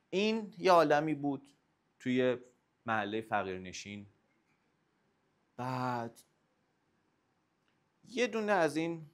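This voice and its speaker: A young man coaching on self-love, telling stories and acting out the voices of the people in them. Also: medium pitch. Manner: animated storyteller acting out quoted voices. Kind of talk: motivational talk.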